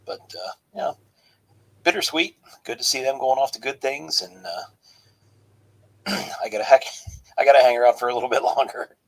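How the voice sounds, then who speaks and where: Relaxed, slightly husky man in his forties, a teacher guesting on a stream. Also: mid-range voice, normal speed, long pauses, poor audio. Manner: relaxed, with filler words. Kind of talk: casual live stream chat.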